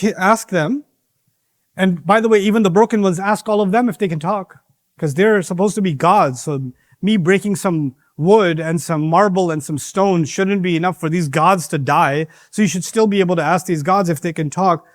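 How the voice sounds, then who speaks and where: A man's voice: fairly high pitch, no room sound, studio quality. A man giving an interactive religious lesson to young people in a mosque, playful and teasing, acting out bits of dialogue. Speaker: teacher of young audience.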